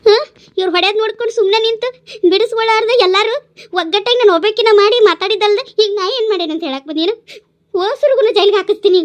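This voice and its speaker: A woman voicing brash, foul-mouthed village women in a cartoon, hurling insults in a North Karnataka Kannada accent. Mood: defiant. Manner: shrill, scolding, rapid-fire insults. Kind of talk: cartoon voice acting.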